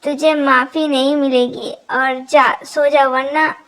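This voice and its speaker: A woman's voice: high voice, little pitch movement, slow pace, a bit bright. A woman voicing an irritable young woman who scolds her roommate with sarcasm. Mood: scolding.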